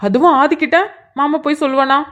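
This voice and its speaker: A woman voicing a gentle young aunt coaxing a small child in a cartoon drama. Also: high-pitched, steady tone, fast talker. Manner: soft, coaxing, speaking to a child. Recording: dull lo-fi sound.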